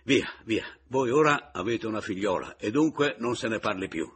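A man voicing a jovial, mocking man who teases and booms loudly in a radio reading of a novel. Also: lively intonation, moderate pace, slightly rough. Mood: teasing. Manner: teasing, booming and boisterous.

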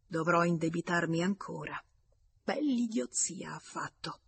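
A fretful young man mutters his grumbling thoughts in a low, husky voice, as a woman reads him in a storybook. His complaints come out breathy and quiet, close to the narrator's own tone. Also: expressive, unhurried, full character voice. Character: worried, displeased young man counting costs.

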